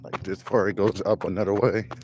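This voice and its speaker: A man casually chatting in a relaxed, rambling way while walking and jogging down an outdoor hillside trail, filmed on a shaky handheld phone video. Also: lowish voice, a little fast. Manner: relaxed, rambling, self-amused. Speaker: vlogger. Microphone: handheld camera while walking and jogging. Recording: outdoor phone clip with noise.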